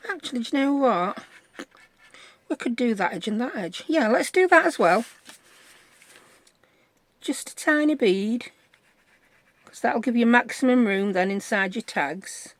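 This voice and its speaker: A woman's voice: on the high side, lively intonation, unhurried, pauses often, no room sound. A British woman giving a casual step-by-step craft demonstration, chatting and thinking aloud as she checks in with listeners. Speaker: craft tutorial host.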